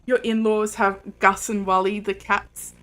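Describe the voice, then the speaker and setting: A woman's voice: medium pitch, flat delivery, measured pace, a bit bright. A young woman streaming a game and chatting casually with viewers, rambling with lots of fillers and laughs. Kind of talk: casual live-stream chat.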